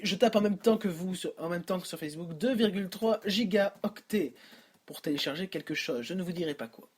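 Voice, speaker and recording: A man's voice: sits high, darkish tone, husky. A young man hosting a casual solo podcast, joking and rambling, often correcting himself mid-sentence. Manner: jokey, rambling, self-interrupting. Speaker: podcast host. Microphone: no headphones, home setup.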